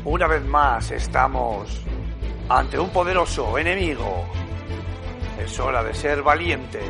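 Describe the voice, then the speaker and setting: An actor playing a rousing male Spartan-style war leader, declaiming a solemn, gravelly mock-epic rallying speech. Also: medium pitch, expressive, slow pace. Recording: loud music under the voice.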